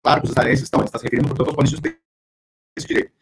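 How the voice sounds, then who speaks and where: A man's voice: mid-range voice, little pitch movement, very fast. Man on a glitchy, breaking-up video call. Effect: choppy, crackling video-call audio that keeps breaking up. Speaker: professor, guest on a live online show. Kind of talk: reading quotes aloud and commenting on them. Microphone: remote video call.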